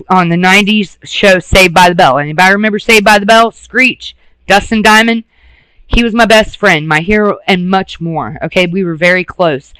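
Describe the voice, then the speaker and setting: A man with a high, bright, forceful voice talks bluntly and with raw passion. He swears freely and sounds close to tears. The recording is dry and close. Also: clear, resonant tone, dry recording, low-quality recording. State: near tears. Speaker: radio host. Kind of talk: emotional monologue.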